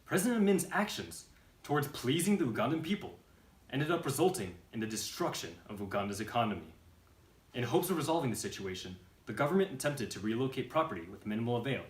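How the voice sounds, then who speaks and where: A man's voice: medium pitch, sing-song, a little fast, reverberant. A man giving formal, scripted narration in the style of a historical documentary.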